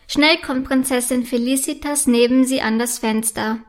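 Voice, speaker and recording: A woman narrating a children's bedtime story in a gentle, even storytelling manner. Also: high-pitched, moderate pace.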